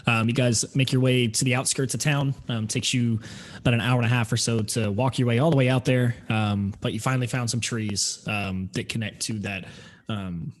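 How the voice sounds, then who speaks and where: A man's voice: medium pitch, steady tone, moderate pace. A man acting as game master, narrating a tabletop role-playing game and prompting the players.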